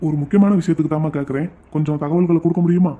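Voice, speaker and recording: A man's voice: a little high, rapid-fire, narrow, tinny audio, natural voice. A man voicing a persistent middle-aged visitor who keeps pleading. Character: insistent middle-aged man pressing for information.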